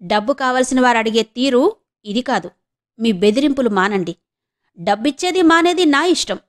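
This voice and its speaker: A woman's voice: a little high, animated, slow. A woman playing a scornful rich wife. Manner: taunting, sharp and contemptuous. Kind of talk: audiobook character reading.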